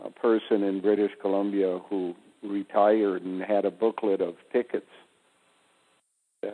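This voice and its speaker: A man in casual conversation, giving slow, deliberate explanations of wordplay over the phone. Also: on the low side. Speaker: guest speaker. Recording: tinny phone line with reverb.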